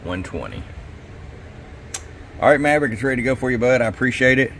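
A man's voice: mid-range voice, fast talker, a little hiss or hum. A man who runs a CB radio shop, talking casually through a radio test at his workbench. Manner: relaxed, folksy, repeats "hello" into the mic while testing. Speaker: CB radio shop owner and technician. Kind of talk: casual workshop demo talk. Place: radio repair workbench indoors.

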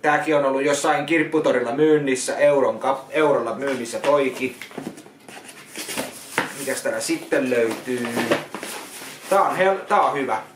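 A man's voice: mid-range voice, long pauses. A man talking casually in a vlog as he goes through donated films, repeating words, restarting and giving plain verdicts. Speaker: vlogger unboxing donated films. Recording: echoey room with loud noise.

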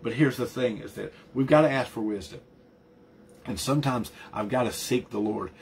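A man's voice: medium pitch, moderate pace, vocal fry, darkish tone, slight background noise. A man preaching a sermon as pastor, earnest and emphatic, often restarting and repeating words as he builds a point.

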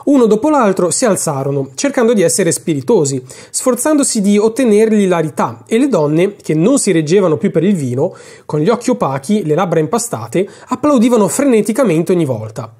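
A man's voice: sits high, very animated, brisk, hardly any pauses, warm tone, breathy edge. A man reading a classic story aloud for his podcast, narrating expressively and dramatically. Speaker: podcast host and reader.

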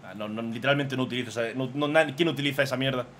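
A man, casually commentating on fan drawings as a streamer, excitable and swearing freely. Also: medium pitch, very fast, slight background noise.

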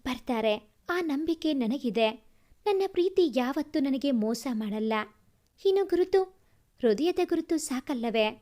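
A woman voicing a grieving but steady young woman, speaking earnestly in a story reading. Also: high voice, unhurried. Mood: pleading.

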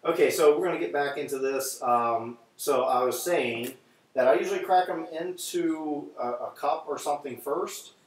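A slightly high-voiced man talks at a normal pace with viewers while cooking breakfast live, tinkering with his audio settings as he goes. The distant mic gives his voice an echoey, cave-like ring along with faint noise.

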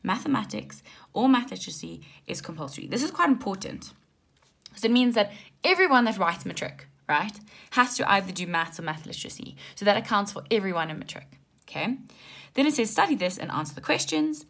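A woman tutor talks through exam questions in an informal, instructive way. Her voice is husky and creaky, with a slight lisp, and her pitch moves in a lively way. She often adds short check-in tags as she goes step by step. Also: fairly quick. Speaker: maths tutor.

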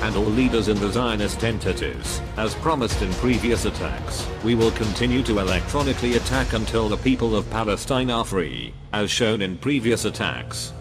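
Brief: male, voice disguised and dropped low, cold menacing scripted read over loud music. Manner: cold, measured, menacing delivery. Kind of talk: scripted threatening statement. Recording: loud music bed under voice.

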